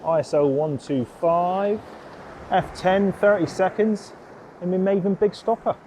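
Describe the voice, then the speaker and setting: A man talks casually to the camera while out on a coastal headland. His voice is mellow and relaxed, and his chatty talk rambles in a down-to-earth way. A faint outdoor ambience sits in the background. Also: sits high, measured pace, slight background noise. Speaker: landscape photographer. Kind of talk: casual vlog chat.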